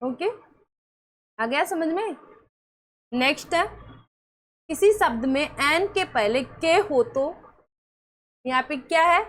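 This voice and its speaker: A woman's voice: high voice, animated, slow pace, pauses often. A woman teaching English pronunciation rules in a patient classroom manner, repeating each rule and often asking whether her students have understood. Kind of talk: classroom lesson.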